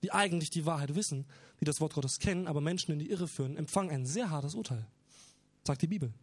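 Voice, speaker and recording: A man's voice: fairly high pitch, quick pace, a little mellow, dry recording. A man preaching a sermon, talking earnestly and with emphasis as he explains parables.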